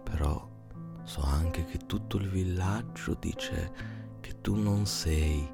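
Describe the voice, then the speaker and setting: A tearful young village woman begs her lover in a soft, half-whispered plea, as a man reading the story puts her on. The voice stays very deep and gravelly, slow and grave, with faint music under it. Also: full character voice. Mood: pleading.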